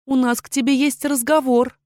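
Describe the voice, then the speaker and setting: A woman's voice: high-pitched, flat delivery, normal speed, a little mellow, no echo, studio quality, voice pushed up, close to an everyday voice. A woman reading an audiobook, voicing a sly, teasing young woman student with a velvety, honeyed voice. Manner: teasing, mock-sinister at times. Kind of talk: audiobook character voice.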